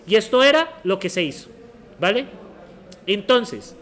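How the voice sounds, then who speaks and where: A man's voice: high voice, lively intonation, fairly bright tone. A man teaches a university programming class. He explains step by step and keeps throwing short check questions at the students. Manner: asks the class many quick check questions. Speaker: university lecturer. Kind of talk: classroom lecture.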